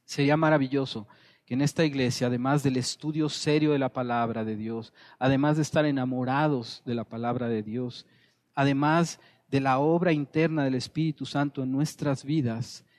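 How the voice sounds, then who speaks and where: A man's voice: mid-range voice, darkish tone. A man preaching a sermon as pastor, earnest and repeating phrases for emphasis.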